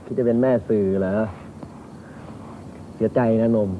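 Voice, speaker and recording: A man playing a dark-voiced young bandit. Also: mid-range voice, fairly even intonation, a little slow, a little hiss or hum, lightly acted, rough recording. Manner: blunt, dismissive, teasing. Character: young bandit man, gruff but soft-hearted. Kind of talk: TV drama acting.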